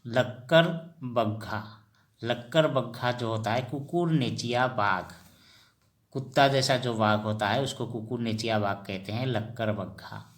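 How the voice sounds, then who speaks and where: Slow, repetitive man teaching vocabulary. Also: mid-range voice. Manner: slow and repetitive, drills each word; asks and answers his own questions. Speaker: language teacher. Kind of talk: vocabulary lesson in Hindi.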